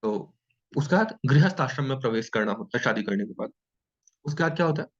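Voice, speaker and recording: A man teaching an exam-prep class in a lively, joking way, often checking in with his students. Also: medium pitch, brisk. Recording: dull lo-fi sound.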